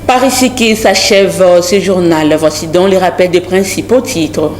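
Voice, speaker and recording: A woman's voice: fairly low pitch, slight background noise. Woman reading the news. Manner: formal, measured delivery. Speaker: news anchor.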